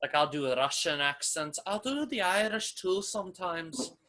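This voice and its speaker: Bright, high-voiced young man in class. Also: expressive, normal speed. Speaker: student. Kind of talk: casual class discussion.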